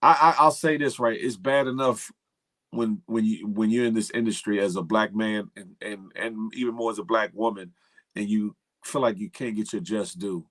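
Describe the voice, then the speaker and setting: Guy hosting a chat show, lowish voice, informal, repeats himself. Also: normal speed, fairly bright tone. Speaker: show host. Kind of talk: casual chat.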